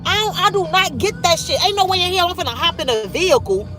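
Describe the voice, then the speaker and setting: Music plays as a livestreaming vlogger from Chicago, in her thirties, talks very fast in a very high-pitched voice. Driving her car, she reads comments aloud and chats in a blunt, profane way with a Chicago accent.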